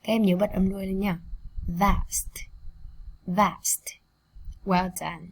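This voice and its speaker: A woman English teacher with a Vietnamese accent, repeating vocabulary words slowly for students to copy and explaining them. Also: medium pitch, fairly even intonation, creaky, dark tone. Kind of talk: vocabulary pronunciation drill.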